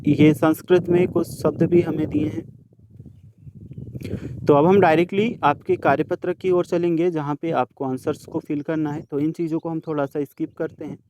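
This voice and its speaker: A man's voice: on the high side, normal speed, background noise. A young man teaching a workbook lesson, patiently explaining each answer and speaking directly to students.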